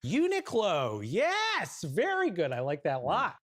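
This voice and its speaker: A game show host running an improv comedy game, handing out points with brisk, playful quips. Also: medium pitch, wildly swooping pitch, fairly bright tone, a little hiss or hum.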